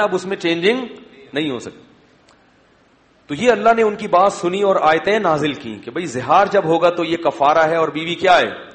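A male preacher tells religious stories, pausing often to put questions to his congregation. His voice sits slightly high for a man. The sound rings with a long hall echo. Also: fairly bright tone. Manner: storytelling, asks the audience questions. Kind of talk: Islamic sermon.

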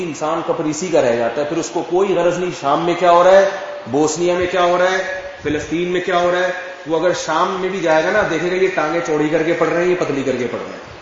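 Answering questions in a religious lecture, a male Islamic scholar speaks conversationally and keeps asking rhetorically whether people understand. The sound is distant and muffled, with his a-little-high voice ringing around a big echoey hall and faint noise beneath it.

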